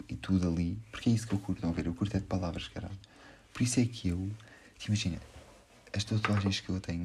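A man's voice: low-pitched, dark tone, slightly rough. A young man with a European Portuguese accent, talking in a casual, slangy monologue, hesitating and circling back on his thoughts. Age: young adult. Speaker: podcast host.

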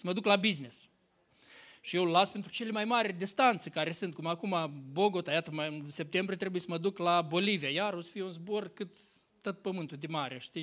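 A man's voice: sits high, a bit bright. A pastor preaching an informal sermon, telling chatty personal stories and addressing the congregation as his dear ones. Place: church hall with congregation.

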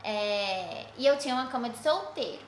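Brazilian woman, high voice, roomy echo, tells her stories all dramatic and lively. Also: moderate pace, a little hiss or hum. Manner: animated, dramatic storyteller. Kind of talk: casual storytelling chat.

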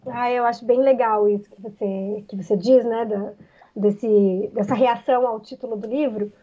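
Female author, reflective and halting, slightly high, muffled lo-fi sound. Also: steady tone, mellow, slightly rough. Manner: reflective, many pauses and "né" fillers. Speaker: author being interviewed. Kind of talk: interview answers.

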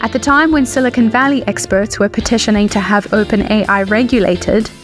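A woman's voice: medium pitch, brisk, over music. Polished woman podcast host. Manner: polished, reads from script. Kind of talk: scripted intro then interview.

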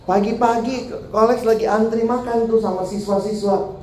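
High-voiced joking preacher in an echoey hall. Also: male voice, fairly even intonation, moderate pace, a little mellow. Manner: jokey, laughs at his own jokes. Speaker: youth preacher. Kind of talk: humorous sermon. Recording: roomy hall sound with faint background noise.

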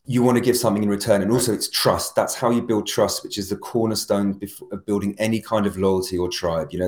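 Low-voiced man chatting in an echoey room. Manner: animated, rambling with restarts. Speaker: guest. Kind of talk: casual podcast conversation. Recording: roomy echo.

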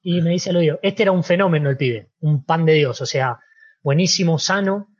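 A man with a Rioplatense Spanish accent tells his story with animation, slipping into the voices of the people in it and checking in with "¿viste?". His voice is husky and slightly rough at the edges. The recording sounds a bit dull and muffled. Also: fairly high pitch, brisk. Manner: animated storyteller, acts out dialogue, frequent "¿viste?". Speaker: interview guest, former footballer. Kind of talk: casual storytelling.

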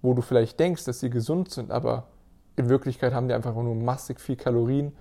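A man's voice: medium pitch, steady tone, a little fast, gravelly, dark tone. A man hosting his own podcast as a personal trainer and physiotherapist, talking earnestly and motivationally straight to the listener, often restarting his sentences. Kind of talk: casual solo podcast monologue.

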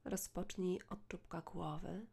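A woman leads a guided meditation in a soft, hushed, soothing voice close to the ear, measured, with long pauses. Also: lowish voice, steady tone. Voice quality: soft, breathy.

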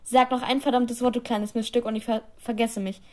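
A woman voicing an angry, bitter grown man who snaps loudly at his daughter. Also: flat delivery, a little fast, natural voice. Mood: furious. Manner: loud, snapping, raised pitch.

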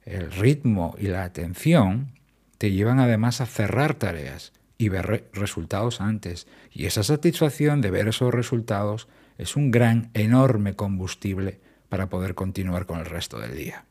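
A man's voice: fairly low pitch, moderate pace, darkish tone, breathy edge. A man, hosting a solo podcast and explaining his points emphatically, repeating key words. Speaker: podcast host. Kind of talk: solo productivity podcast talk.

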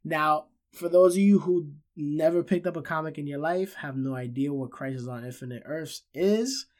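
A man in his thirties talks casually as a solo podcast host, pitched a bit higher than most men. His voice is nasal and congested from a cold, with short breath. He repeats phrases for emphasis and addresses his audience like friends. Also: moderate pace, darkish tone. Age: 30s. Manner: emphatic repetition, addresses listeners as guys. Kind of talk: solo pop-culture podcast commentary, casual.

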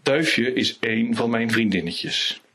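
A man reading an animal story aloud in a slow, unhurried storytelling manner, lightly voicing the characters. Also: mid-range voice, creaky, fairly bright tone, slightly rough. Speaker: reader.

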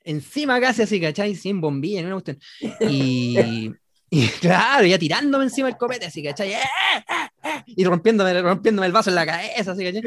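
A married adult man with a Chilean Spanish accent tells friends a comic story in a group chat, speaking in a high, animated, brisk voice with a fairly bright tone and no room sound. He's casual and slangy, acting out quotes and laughing often.

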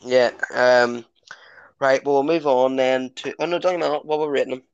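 A man leads a casual football chat as podcast host. His mid-pitched voice has plenty of vocal fry, and the sound is dry with little room on it. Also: steady tone, normal speed, no echo, muffled recording.

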